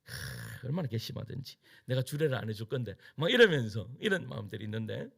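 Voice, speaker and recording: Middle-aged male pastor, Gyeongsang Korean accent, gravelly and husky, wildly animated storytelling sermon. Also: mid-range voice, fast talker. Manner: animated storytelling with acted-out quotes and frequent laughter. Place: church sanctuary.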